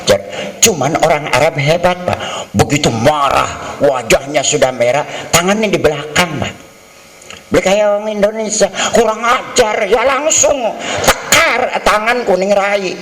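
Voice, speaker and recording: Man, middle-aged, fairly high voice, humorous lecture, acts out quarrels. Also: a little slow, low-quality recording. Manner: lively, acts out quarrels and bargaining in mock voices. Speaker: hajj pilgrimage instructor.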